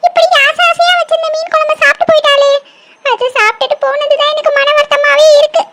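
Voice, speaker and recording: A woman's voice: very high voice, fairly even intonation, fast talker, heavy background noise. A woman voicing a fussy middle-aged village housewife who frets and mutters to herself in a cartoon. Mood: lamenting. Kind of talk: cartoon voice acting.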